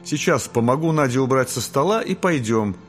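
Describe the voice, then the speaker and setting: Soft loving mother, played by a man, lively lilt. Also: medium pitch, normal speed, faint music behind, voice pushed up, lightly acted. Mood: tender. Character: gentle loving young mother.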